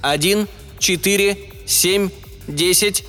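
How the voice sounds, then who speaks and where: A man's voice: high-pitched, slow pace, bright, forceful tone, pitched above the performer's own voice, full character voice. A man voicing the metallic, emotionless voice of a testing machine in an audiobook. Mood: flat. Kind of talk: audiobook narration. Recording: long reverb with music underneath.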